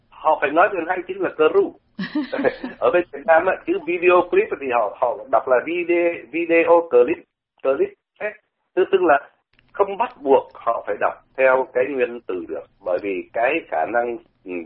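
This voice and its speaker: An older man from Vietnam, talking on the radio and explaining pronunciation in a conversational way, often repeating words to demonstrate them. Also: medium pitch. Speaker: radio commentator. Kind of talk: radio talk, explaining language. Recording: phone-like radio line.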